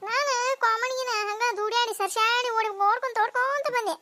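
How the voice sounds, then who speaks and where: A voice actor playing bickering, nosy village women in a cartoon, with a North Karnataka Kannada accent and a sped-up, high-pitched voice. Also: steady tone, sharp tone, full character voice. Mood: squabbling. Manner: shrill, scolding, quick back-and-forth banter. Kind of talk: cartoon voice acting.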